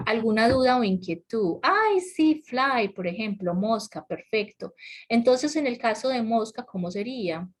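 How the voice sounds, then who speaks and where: A woman's voice: on the high side, animated, measured pace. Woman teaching an online class. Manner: explains patiently, asks the class questions, laughs lightly. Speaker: English teacher. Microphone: computer mic on a video call.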